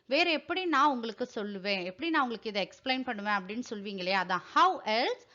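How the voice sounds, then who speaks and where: A woman with a bright, lively voice teaching an English lesson. She says each example sentence slowly and with care, then explains it at speed. The recording sounds slightly dull and lo-fi. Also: a little high.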